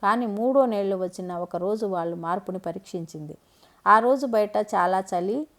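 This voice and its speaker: A woman reading a scripted family story aloud in a calm, even way. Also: medium pitch, moderate pace.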